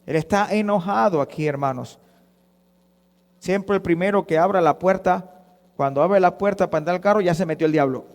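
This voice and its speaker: A man with a Panamanian Spanish accent, preaching a fervent sermon as pastor, dropping to a hush and then rising to loud calls. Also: high-pitched, normal speed. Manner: fervent preaching, swinging between hushed and loud. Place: church. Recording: long church reverb.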